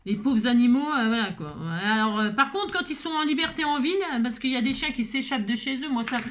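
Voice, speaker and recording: Woman, craft tutorial host, casual rambling chatter, slightly high voice. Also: lively intonation, quick pace. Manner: chatty, rambling asides, many fillers.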